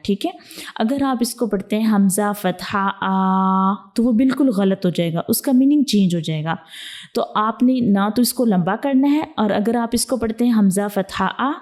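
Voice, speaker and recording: A woman teacher walks her students through a lesson in a calm, step-by-step way. Her voice is mellow and warm, sits at a middle pitch, and keeps returning to check that they follow. She slips English words into her explanations. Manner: patient, repetitive explaining with frequent "theek hai" check-ins; mixes English words into Urdu teaching talk. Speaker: Quran reading teacher.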